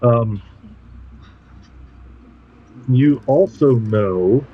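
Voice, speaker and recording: A man narrating a tabletop game as game master in a casual, halting, descriptive way. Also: mid-range voice, narrow, tinny audio.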